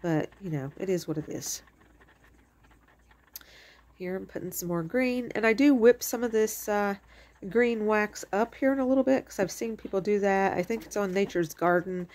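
A middle-aged woman who hosts a crafting channel talks through a home craft tutorial in her kitchen, rambling and chatty with plenty of fillers. Allergies leave her voice slightly stuffy and congested. Her pitch is medium, her pace normal, and her tone a little mellow.

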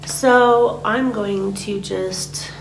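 A woman teaching a guided meditation, speaking softly and often dropping to a whisper. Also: mid-range voice, very slow, gravelly. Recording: roomy recording with a steady hum.

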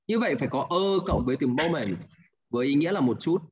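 A man's voice: fairly high pitch, animated, fast talker, a little mellow, husky. Male Hanoi teacher, patient, checks in often, muffled line. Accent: Hanoi Vietnamese. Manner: patient, repeats answers, ends with "đúng không ạ?". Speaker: English teacher. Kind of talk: online class, guiding students through exercises.

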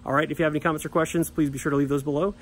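A man's voice: fairly high pitch, little pitch movement, very fast. Man vlogging outdoors, noisy yard. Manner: plain, with many fillers and restarts. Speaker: home maintenance channel host. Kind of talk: casual how-to vlog. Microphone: phone camera at arm's length. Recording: outdoor phone audio with clear background noise.

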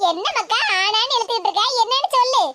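A woman voicing a proud, warm-hearted middle-aged village aunt in an animated cartoon, speaking a southern Tamil Tirunelveli-Kanyakumari dialect in an affectionate, comforting and dramatic way. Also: very high-pitched, a little fast, heavily acted.

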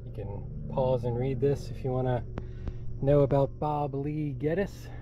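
A middle-aged man, a hiking vlogger, chats easily while walking a farm by a bay and reads signs aloud along the way. His mid-range voice is dark in tone, fairly even in intonation and a little slow. The lo-fi recording carries a little hiss or hum.

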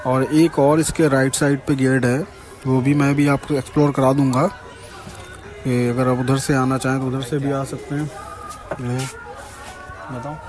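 A man's voice: medium pitch, a little mellow. A young man from India with a Farrukhabad Hindi accent, chatting casually as a vlogger while he walks viewers through a crowded shrine courtyard at night. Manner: chatty, points things out to viewers. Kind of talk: casual walking tour vlog. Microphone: handheld phone camera.

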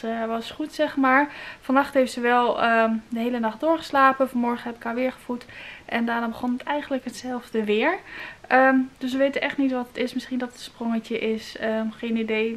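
Nederlandse vrouw die ontspannen vlogt. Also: female voice, a little high. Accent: Dutch. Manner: relaxed, chatty, many filler sounds. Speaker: vlogger, new mother. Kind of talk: casual vlog chat.

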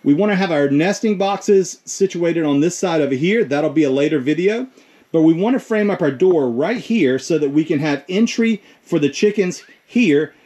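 This middle-aged homesteading host speaks at a normal speed in a slightly high, expressive, warm voice. He explains things step by step, casual and practical, while recording himself outdoors by a chicken coop on a handheld camera held at arm's length.

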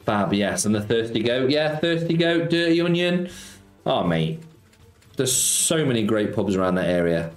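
A middle-aged man from Nottingham, England, live-streams slots from a home streaming room, reading viewer messages aloud and greeting people with cheeky, casual banter. His medium-pitched voice is very animated at a normal speed. The room sounds echoey, with faint music in the background.

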